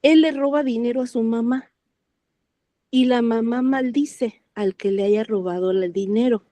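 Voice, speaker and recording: A woman's voice: a little high, a little slow, warm tone, no room sound. A woman joining a Bible reading circle discussion, thinking aloud with hesitant fillers and correcting herself as she goes.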